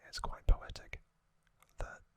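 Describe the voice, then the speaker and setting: Close to the mic, a man whispers softly and breathily in the manner of an ASMR host, recapping a story in slow, halting phrases. There is no room sound.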